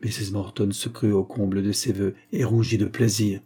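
Man narrating with a husky warmth. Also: lowish voice, level tone, normal speed. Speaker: audiobook reader. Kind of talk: scripted narration of a classic novel.

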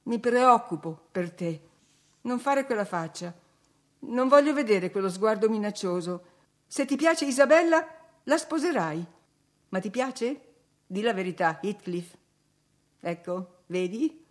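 A woman reading aloud voices a commanding, quick-tempered young mistress of the house, sharp and scolding. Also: mid-range voice, expressive, close to an everyday voice. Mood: insistent.

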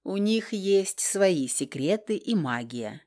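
A woman's voice: medium pitch, expressive, slow pace, darkish tone. Woman reading as a patient protective man.

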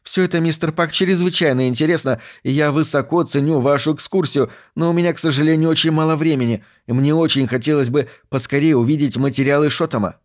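A man voicing a courteous, hurried young woman researcher, speaking in a lifted voice. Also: on the high side, pitched above the performer's own voice, close to an everyday voice. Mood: polite.

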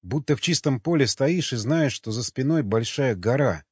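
A man's voice: mid-range voice, lively intonation, normal speed, husky, no room sound. A man voicing a stubborn, brash young male fighter, in an audiobook. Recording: dull lo-fi audio with faint music.

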